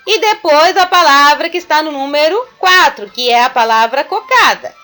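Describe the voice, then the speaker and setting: A woman teaching a recorded class to young children, explaining slowly and patiently step by step. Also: high-pitched, lively intonation, pushed and bright, soft background music. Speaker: primary school teacher. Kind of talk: recorded remote class lesson.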